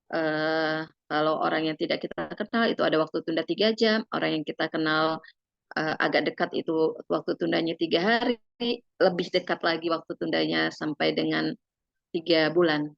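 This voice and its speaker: A woman leads a parenting seminar from her slides. She talks to parents in a gentle, persuasive way and fills her sentences with small spoken tags. The recording sounds dull and lo-fi, with a dry, close tone and no room echo. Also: on the low side, vocal fry. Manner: filler-laden, tags phrases with "gitu ya".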